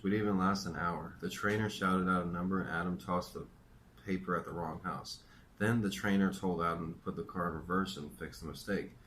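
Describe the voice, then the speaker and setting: A man's voice: low-pitched, a bit bright, slight background noise. A man reading his own memoir aloud, telling it in a dry, matter-of-fact way.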